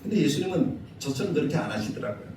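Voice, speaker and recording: A male pastor delivering a Sunday sermon in a church, animated, acting out quoted scolding in a raised voice. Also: a little high, racing, a little hiss or hum. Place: church sanctuary. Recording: echoey church hall, mic at a distance.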